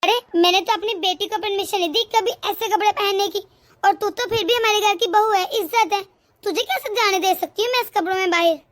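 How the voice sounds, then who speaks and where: A woman plays a strict middle-aged mother-in-law in a cartoon family story. She lectures and scolds in a very high voice. The recording is dry and close. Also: a little fast, no echo. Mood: scolding. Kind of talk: cartoon voice acting.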